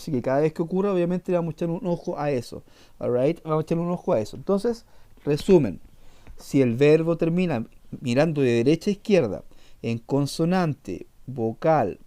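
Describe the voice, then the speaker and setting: A man's voice: a little high, dark tone. A man teaching an English class, explaining patiently and repeating himself with fillers. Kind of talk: online class lesson.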